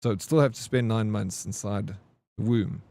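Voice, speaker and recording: A man's voice: fairly low pitch, normal speed, mellow. A man in his forties chatting casually with his live-stream chat, joking and answering comments. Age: 40s. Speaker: game streamer.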